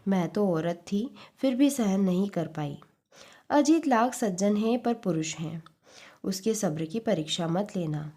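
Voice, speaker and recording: In a story reading, a woman voices an earnest, protective middle-aged mother, offering advice in a measured way. Her voice is medium in pitch and dark in tone, with lively intonation.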